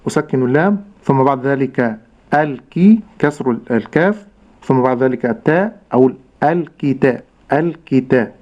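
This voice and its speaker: A man's voice: mid-range voice, lively intonation, darkish tone. Patient male Quran teacher, dull sound. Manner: patient, drawn-out model pronunciations. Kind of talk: step-by-step tajweed instruction.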